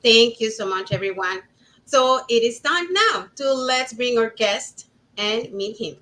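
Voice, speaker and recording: A woman's voice: a little high, lively intonation, measured pace, pushed and bright, rough recording. A woman from Panama hosting an online panel, giving upbeat, welcoming introductions. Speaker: webinar host.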